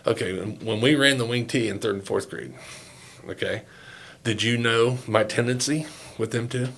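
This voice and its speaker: A man's voice: medium pitch, fairly even intonation, moderate pace, gravelly, a bit bright. Folksy older man with a Southeast Ohio accent. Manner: folksy, rambling, swears freely. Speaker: podcast guest, youth football coach. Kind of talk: casual storytelling chat.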